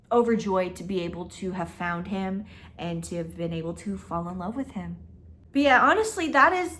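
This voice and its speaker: A woman's voice: medium pitch, fairly bright tone. A woman in her twenties chatting casually to camera in her apartment, talking emphatically and laughing often. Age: 20s. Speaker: vlogger. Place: her own apartment, indoors.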